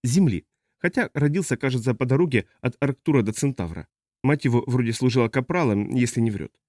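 A man's voice: mid-range voice, expressive, brisk, no room sound, lightly acted. A man voicing a cool-headed woman captain. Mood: calm. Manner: soft, quiet, dry. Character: calm, confident woman starship captain.

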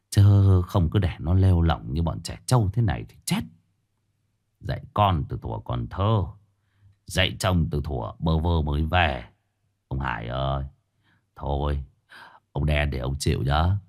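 Deep-voiced Northern Vietnamese storyteller. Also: male voice, a little mellow. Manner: colloquial, playful asides. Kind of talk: comic ghost story narration.

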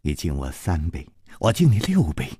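A man voicing a coy, husky young woman. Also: deep voice, wildly swooping pitch, moderate pace, no echo, studio quality, voice pushed down, full character voice. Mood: teasing. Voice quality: soft, husky and hushed, often near a whisper. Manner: teasing, coy.

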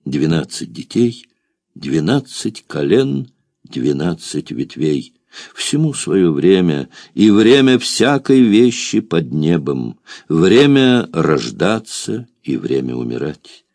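A man voicing an elderly grandfather speaking solemn, tender words in a slow biblical cadence. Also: sits low, big pitch swings, vocal fry, darkish tone, no room sound, studio quality, pitched below the performer's own voice, heavily acted.

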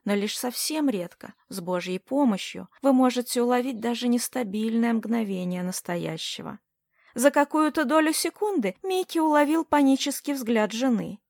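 A woman reading a novel aloud as an audiobook narrator, in a measured, even storytelling manner. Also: a little high, gravelly, no echo, clean studio sound.

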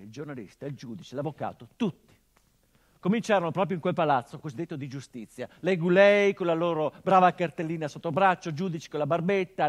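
As a middle-aged son mourning a murdered father, a stage actor performs a sardonic, biting monologue that ranges from hushed murmurs to impassioned outbursts. His voice is a little high and close to how people normally talk.

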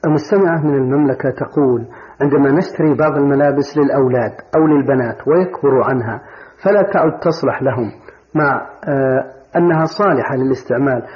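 Fast-talking man presenting in formal Standard Arabic. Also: medium pitch. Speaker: radio programme host. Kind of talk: formal broadcast presenting, reading out listeners' questions. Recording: dull lo-fi radio recording.

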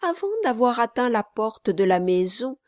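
A woman narrating a classic novel as an audiobook reader, in a measured, even storytelling manner. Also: on the high side, no echo, studio quality.

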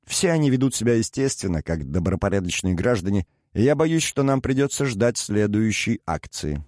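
A man's voice: on the low side, expressive, normal speed, darkish tone, dry recording, natural voice. Man doing a fawning, deferential servant. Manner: deferential, ingratiating. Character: obsequious scheming male servant-purser. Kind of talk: audiobook character reading.

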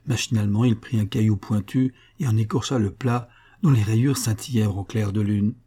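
Man narrating an audiobook, mellow tone, calm and even. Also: lowish voice, moderate pace, breathy edge.

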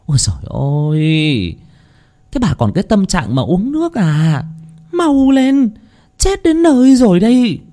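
A man voicing a loud, anxious old village neighbor woman who shouts her warnings. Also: very animated, normal speed. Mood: urgent shouting. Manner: shouting, high-pitched, urgent.

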